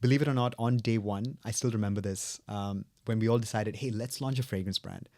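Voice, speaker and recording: A young South Indian man who speaks Telugu natively, co-founder of a fragrance brand, tells his story earnestly and reflectively as a podcast interview guest. His voice is low-ish, steady, brisk, and darkish, captured in studio quality with no echo.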